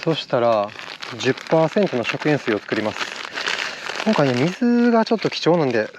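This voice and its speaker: Cheerful fishing vlogger, male, slight Kansai accent, animated pitch, outdoor recording with clear background noise. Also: moderate pace. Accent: slight Kansai dialect. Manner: upbeat, excitable, laughs often. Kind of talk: casual outdoor vlog narration. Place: outdoors on an island shore.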